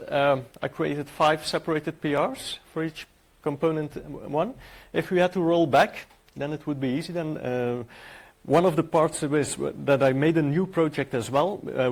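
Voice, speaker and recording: Presenting a technical talk at a conference, a middle-aged Dutch native speaks English with a Dutch accent, hesitating often with filler sounds and restarts. His voice is mid-range with vocal fry.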